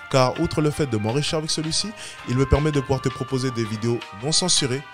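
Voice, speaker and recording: A man's voice: mid-range voice, rapid-fire. French guy mocking a clip, sarcastic, some music behind. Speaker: reaction video host. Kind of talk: casual commentary.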